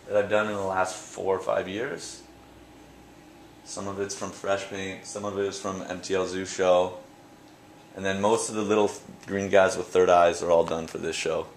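A young man from Canada talking casually about his paintings at his gallery show, relaxed and rambling, with fillers and restarts. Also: deep voice, slight background noise. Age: young adult. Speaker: painter interviewed at his exhibit. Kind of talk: casual interview answers. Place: art gallery indoors. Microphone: handheld camera close by. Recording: echoey gallery room.

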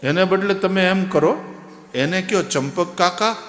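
A man's voice: sits high, a little slow, fairly bright tone, slight background noise, pitched above the performer's own voice. A man voicing a wry old village man who mocks his stingy friend. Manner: knowing, mocking. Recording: echoey hall.

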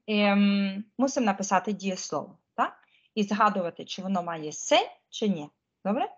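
Woman teaching spanish online, chatty, keeps asking "right?", kinda dull lo-fi audio. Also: medium pitch. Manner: chatty, checks in with "так?" often; frets about pressing buttons. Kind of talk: online language lesson.

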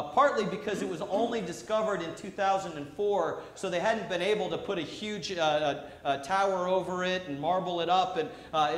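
A man, a priest, preaches a sermon into a pulpit microphone in a church, halting often with "uh" fillers. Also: on the high side. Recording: echoey church sound with faint hum.

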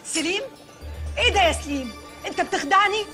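An actress playing a haughty, indignant princess who is a pasha's wife, in a TV comedy series. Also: female voice, very high-pitched, fast, music in the background.

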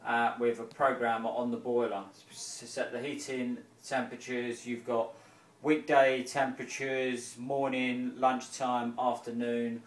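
A man in his thirties, a heating engineer, explaining an installation in a home kitchen and hallway in a chatty, informal way with many fillers. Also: mid-range voice. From England. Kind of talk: casual walkthrough explaining an installation. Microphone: camera-mounted mic, filmed by someone else. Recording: roomy, distant camera sound.

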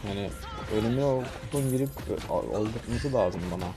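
A young man playing a mobile game and commenting casually, swearing and getting loudly frustrated. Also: mid-range voice, expressive, moderate pace, over music. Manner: frustrated, swearing, loud bursts of anger. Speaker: gamer streamer.

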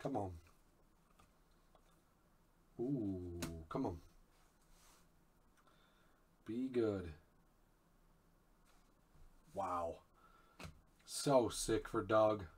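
A man hosting a live card break, calling out each card in a low-key way and bursting into loud shouts on big pulls. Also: extremely slow, pauses often, a little hiss or hum.

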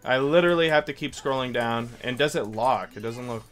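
A man's voice: medium pitch, brisk, a bit bright. A man streams a video game with casual, slangy commentary. He mutters his reactions as he plays. Faint game music sits behind his voice, along with keyboard clicks. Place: small indoor room at a desk. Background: game music, keyboard clicks and typing.

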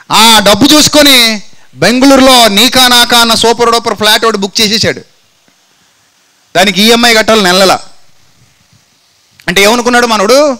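A male preacher with a high, bright, ringing voice delivers a sermon. He keeps asking his listeners questions and answers them himself. He acts out people's words as dialogue, then drops into low, drawn-out phrases for emphasis. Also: low-quality recording.

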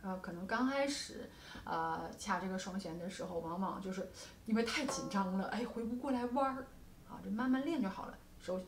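Woman guqin teacher, patient and explanatory, studio with a faint hiss and room echo. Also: medium pitch. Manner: patient explaining with frequent soft particles. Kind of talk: music lesson with demonstrations. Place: music studio.

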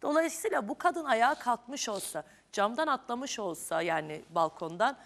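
A woman's voice: fairly high pitch, expressive, normal speed, fairly bright tone. A woman hosting a daytime talk show, questioning guests and walking them through events step by step in a television studio. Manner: probing, reasoning step by step.

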